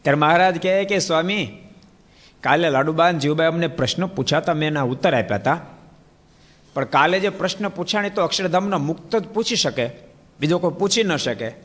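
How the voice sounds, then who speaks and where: A man's voice: a little high, long reverb tail. A man with a Gujarati accent giving a sermon, telling stories and acting out the dialogue. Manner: animated storytelling, acting out dialogue. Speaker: preacher. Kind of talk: sermon with storytelling.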